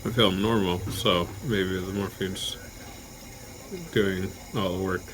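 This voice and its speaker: A man chatting casually to camera in a halting, low-key way, his mouth numb, dry and stiff after jaw surgery. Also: steady tone, fairly bright tone, low-quality recording. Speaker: vlogger, patient recovering from jaw surgery. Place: hospital room. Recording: clear background noise throughout.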